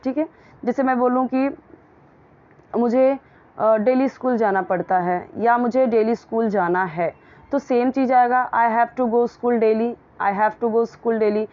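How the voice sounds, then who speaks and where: A woman teaching English grammar and pronunciation in a casual, patient way, often repeating words slowly so they can be copied. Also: on the high side, fairly even intonation, lo-fi sound.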